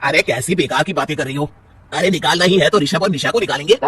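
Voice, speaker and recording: A man's voice: on the high side, fast, fairly bright tone, husky, dry recording. Man doing a mild, pliant young husband.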